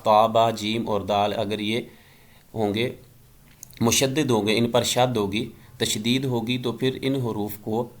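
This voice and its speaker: A man giving an exam-prep lecture as an Arabic teacher, explaining patiently and drawing out letters and Quranic words to demonstrate how they sound. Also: on the low side.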